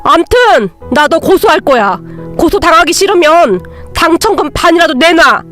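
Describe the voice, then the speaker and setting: A woman doing a shouting greedy ex-boyfriend. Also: extremely high pitch, lively intonation, normal speed, faint music behind, pitched above the performer's own voice. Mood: angry. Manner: shouting, accusing, drunk. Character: angry greedy young male ex-boyfriend.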